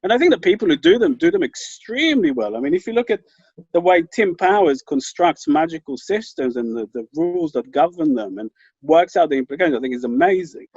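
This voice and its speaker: Lively high-voiced man on a video call. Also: brisk, husky, dry recording. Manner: animated, restarts sentences, many "you know" fillers. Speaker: writer and panel guest. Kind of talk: conversational panel discussion. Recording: dull lo-fi call audio, dry.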